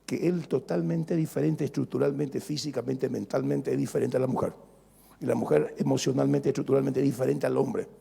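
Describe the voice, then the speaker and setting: A male pastor preaching an animated sermon, joking with the congregation and repeating phrases for emphasis. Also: medium pitch, fairly quick, creaky, husky. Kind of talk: lively sermon. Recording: long reverb of a large church hall.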